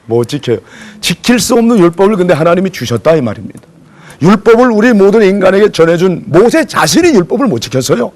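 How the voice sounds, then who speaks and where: A South Korean pastor delivers a sermon lecture to his congregation in a high, fast voice. He is an animated preacher who acts out voices while telling stories and asks the audience questions, calling for their replies.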